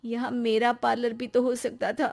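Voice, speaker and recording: A woman voicing an earnest, trusting young wife in an animated story, quick to protest. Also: on the high side, vocal fry.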